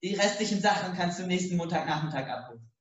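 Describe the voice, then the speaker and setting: A man voicing a sharp, bossy young woman roommate who talks in a cutting, accusing way, read in an audiobook. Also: high voice, animated, fast, lo-fi sound. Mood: indignant. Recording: very echoey room.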